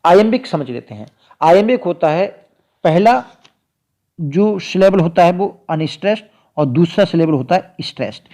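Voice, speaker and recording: Man, literature teacher, high pitch, mellow tone, slow and repetitive explanation. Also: expressive. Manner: slow, stretches out quoted English lines; explains step by step, repeats key points. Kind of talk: explaining a poem in a lecture.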